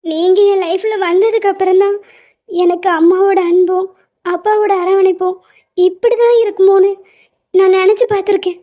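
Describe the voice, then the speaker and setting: A tearful young cartoon wife. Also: female voice, very high-pitched, steady tone, normal speed. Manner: emotional, pleading speech. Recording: slightly dull lo-fi audio.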